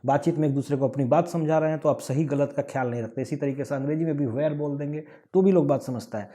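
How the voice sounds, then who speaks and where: With a fairly high pitch and a dark tone, this Bihari-accented man from Bihar, India, earnestly explains his subject point by point. He speaks on behalf of a language-awareness movement.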